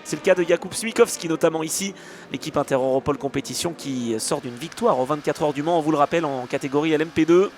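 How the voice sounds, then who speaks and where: A man giving live motorsport race commentary in a hesitant, excitable way. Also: on the high side, fast talker. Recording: clear engine and trackside noise behind.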